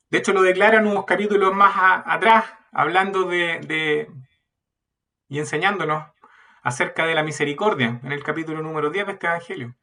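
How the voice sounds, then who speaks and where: A man preaching a sermon at a youth meeting, earnest and building to loud emphasis. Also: high voice, far from the mic.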